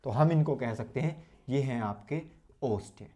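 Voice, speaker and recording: A man teaching an online Hindi lesson, demonstrating each vowel sound slowly and aloud, and asking questions he then answers himself. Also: mid-range voice, warm tone. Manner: drills sounds aloud, asks and answers his own questions.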